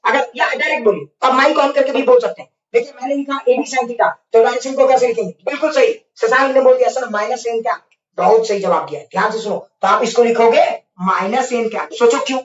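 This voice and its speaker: A man's voice: extremely high pitch, quick pace, few pauses. A man teaching physics in an online class who coaxes and playfully scolds his students and keeps checking whether they follow. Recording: echoey, distant, dull mic.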